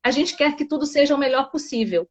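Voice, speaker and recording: High-voiced Brazilian teacher woman. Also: expressive, fast, highs cut off, a crowd in the background. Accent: Brazilian Portuguese. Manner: agreeable, earnest, many fillers. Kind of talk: casual live-stream chat.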